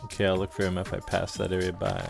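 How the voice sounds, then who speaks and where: A man's voice: low voice, monotone, fast talker, gravelly, over music. A man reading a weary hunted stranger. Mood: wary.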